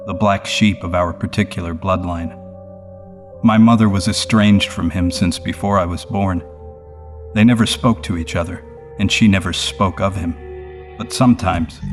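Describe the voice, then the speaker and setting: A man with a very low voice narrates a horror story in the first person. He reads from a script in a grave, measured way. Music is clearly audible behind him.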